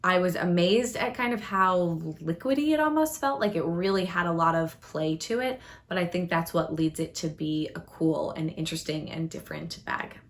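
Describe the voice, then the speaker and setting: A woman's voice: on the low side, moderate pace, hardly any pauses, slight background noise. A woman hosting a casual product review vlog, talking in a chatty, thoughtful way with hedging fillers. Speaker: fashion YouTuber.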